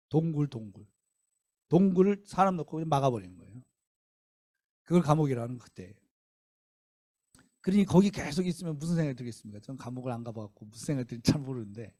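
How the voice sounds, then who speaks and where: Brief: a missionary preacher in a church, animated storyteller firing questions at the congregation. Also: male voice, medium pitch, dry recording, studio quality. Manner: lively storytelling, rhetorical questions. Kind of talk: revival sermon. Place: church sanctuary.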